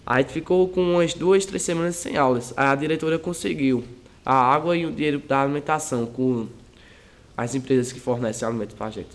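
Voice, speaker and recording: A teenage male high school student, giving rambling, hesitant interview answers. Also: fairly quick. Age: teens.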